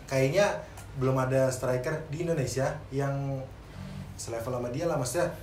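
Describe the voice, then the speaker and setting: A man's voice: mid-range voice, normal speed, a little mellow, far from the mic. Male podcaster, Jakarta accent, slangy conversational delivery; echoey room, slight background noise. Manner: informal, slangy. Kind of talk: casual chat.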